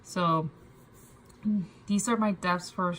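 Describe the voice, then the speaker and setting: In a casual personal talk to camera, a young budgeting vlogger with a cold speaks softly and haltingly, restarting her sentences often and leaning on fillers. Her nasal voice has a fairly low pitch and a steady tone, and a little hiss or hum runs underneath.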